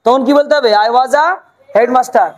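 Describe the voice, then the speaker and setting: A woman teaching English to Bengali speakers with a Bengali accent, asking questions and repeating the answers slowly. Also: sits high, fairly even intonation, darkish tone. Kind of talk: spoken English lesson with drills.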